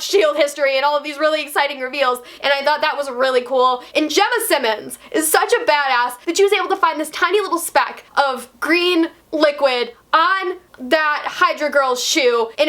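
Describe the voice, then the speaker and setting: A woman vlogger reviewing a TV episode, gushing and excitable with quick asides. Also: sits high. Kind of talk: enthusiastic fan review.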